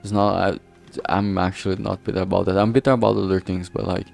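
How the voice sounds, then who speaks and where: Over a filtered streaming mic with music behind him, a man who streams and dabbles in game writing chats loosely, stumbling and drifting off track as he gropes for words, with casual cursing. He speaks flatly in a lowish, slightly mellow voice marked by heavy creak.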